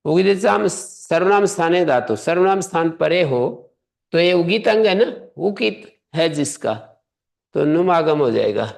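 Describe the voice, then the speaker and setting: A man teaching a Sanskrit grammar class, explaining rules step by step and pressing his students to answer out loud. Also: a little high, lively intonation, unhurried, gravelly. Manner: quizzes students, presses them to answer aloud. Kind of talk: classroom lesson.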